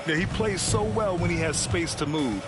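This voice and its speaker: A man's voice: on the high side, moderate pace, over loud music, close to an everyday voice. A man giving approving, explanatory analysis as a basketball colour commentator. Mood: admiring.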